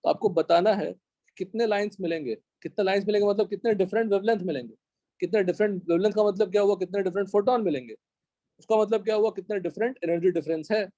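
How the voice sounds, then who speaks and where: High-voiced Indian man teaching chemistry. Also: mellow, no echo. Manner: explains step by step, checks the class often; dictates slowly in English. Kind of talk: live classroom lecture.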